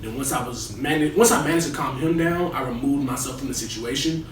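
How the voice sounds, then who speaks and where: A man's voice: medium pitch, brisk, close to an everyday voice. A young man playing a resident assistant in a comedy skit interview, talking colloquially about himself. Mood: earnest. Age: young adult. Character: young male resident assistant, cocky and boastful or earnest. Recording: echoey room, distant mic, noisy.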